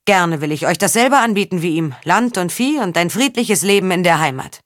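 A woman voicing a stately male emperor in an audiobook, speaking in a measured, formal way. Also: fairly low pitch, animated, no room sound, studio quality, lightly acted.

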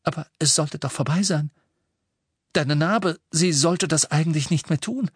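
An anxious young witch , as a male reader voices her, pleads in a raised, higher voice. She sounds urgent and scolding, pressing hard with every sentence. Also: a little slow, breathy edge, no room sound, clean studio sound.

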